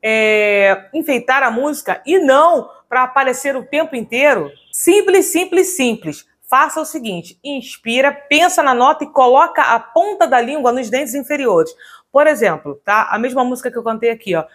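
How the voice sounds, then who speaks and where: A woman's voice: high-pitched, lively intonation, moderate pace, a bit bright. A woman giving an upbeat online singing lesson as a vocal coach, often checking in with her viewers.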